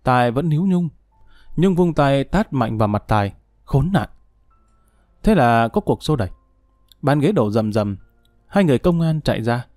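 A man's voice: mid-range voice, normal speed, no echo, soft background music. Male storyteller, dry close read. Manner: steady storyteller. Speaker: audiobook narrator. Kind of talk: dramatic audiobook reading.

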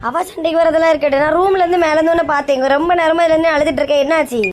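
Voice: sits high, fairly even intonation, lightly acted. A performer playing a brash, hot-headed young husband with a Kanyakumari Tamil accent in a comedy skit. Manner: brash, quick-talking.

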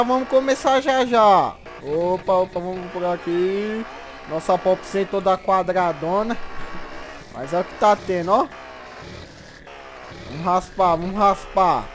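High-voiced excited gamer man. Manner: excited, repeats every phrase twice, slangy. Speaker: gameplay commentator. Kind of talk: casual gameplay commentary.

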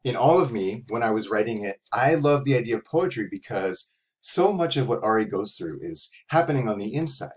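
Talking fairly quickly and with animation, a man with a lowish voice teaches a relaxed writing lesson to young writers. He is a middle-aged author and teacher, recorded indoors at his computer in a small home room.

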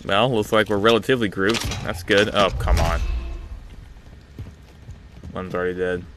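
A young man streaming a shooter game in a small room at home, joking with chat and breaking into sudden shouts, talking into a headset mic. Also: low voice, fairly even intonation, normal speed, background noise. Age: young adult. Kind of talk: casual live-stream chat while gaming. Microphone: headset, seen on webcam.

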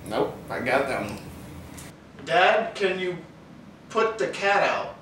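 A young man casually telling jokes and bantering with a friend, bro-ish and quick to laugh. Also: high voice, sing-song, fairly bright tone. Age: young adult. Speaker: contestant in a try-not-to-laugh joke challenge. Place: living room couch, indoors. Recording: echoey room, distant mic, faint noise.

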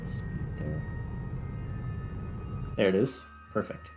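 Very slowly and in a deep voice, a man hosts a gaming video, thinking aloud in casual commentary while he plays. Background music runs behind him.

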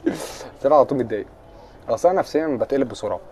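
A man's voice: mid-range voice, animated, racing, darkish tone, slight background noise. A young man with an Egyptian accent chatting on a casual live stream, answering viewer comments in a joking, teasing way. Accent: Egyptian Arabic.

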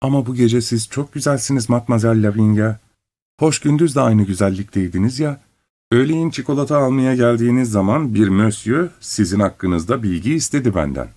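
A man voicing a tired, flattering middle-aged shop clerk in an audiobook, talking in a chatty, gossiping way. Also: mid-range voice, a little fast, natural voice. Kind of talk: audiobook character reading.

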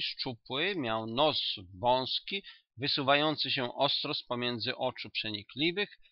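Man calmly narrating an audiobook. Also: mid-range voice, dry recording. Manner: calm, even storytelling. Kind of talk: scripted narration. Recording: dull, dry audiobook recording.

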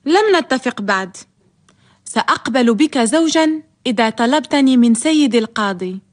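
A woman's voice: fairly high pitch, expressive, normal speed. An actress playing a proud, teasing young orphan woman in a radio drama, with a theatrical, haughty delivery. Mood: coquettish. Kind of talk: radio drama acting in formal Arabic.

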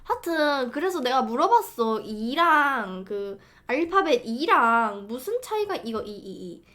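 A woman's voice: high-pitched, very animated, a little slow, fairly bright tone. A woman streaming, chatting casually with viewers, hesitant and stumbling, often repeating words as she practises a dialect. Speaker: live streamer. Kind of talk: casual live-stream chat.

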